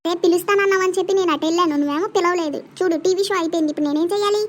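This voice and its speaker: A voice actor playing a strict but caring middle-aged mother in an animated comedy, quick and scolding. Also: extremely high pitch. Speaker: cartoon mother.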